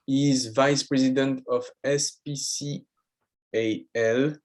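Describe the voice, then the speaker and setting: A man's voice: medium pitch, steady tone, slow pace, a little mellow. A man with a French accent moderating an online session, reading out a speaker's bio with small hesitations. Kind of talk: introducing a speaker.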